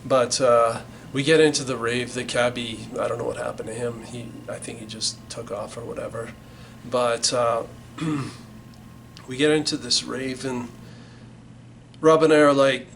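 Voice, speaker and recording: A man's voice: mid-range voice, little pitch movement, a little slow, gravelly, fairly bright tone, a little hiss or hum, rough recording. A middle-aged man casually telling a band story, rambling and swearing a lot with many restarts. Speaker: band member recalling the band's origins. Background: music.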